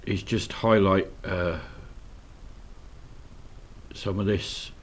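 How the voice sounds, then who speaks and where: Speaking extremely slowly in a low-pitched voice, a Scottish man nursing a slight cold gives a casual tutorial on painting miniatures at his hobby desk. He's relaxed and hesitant, with many ums and uhs.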